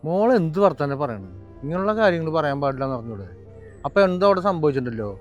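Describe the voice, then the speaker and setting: A man's voice: fairly high pitch, big pitch swings, fast, lo-fi sound, soft background music. A man playing a worried father who presses his daughter with questions. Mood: worried, pressing. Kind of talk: home-made family drama acting.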